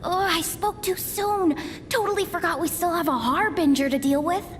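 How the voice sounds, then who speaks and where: A woman voicing a small, excitable female fairy companion in a video game, childlike, chatty and dramatic. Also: normal speed. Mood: flustered. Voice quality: squeaky, childlike. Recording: music under the voice.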